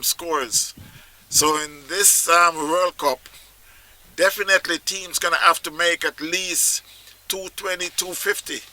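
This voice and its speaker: A man hosting casual cricket commentary for his channel, talking haltingly with many "um" fillers. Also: a little high, bright, forceful tone, rough recording.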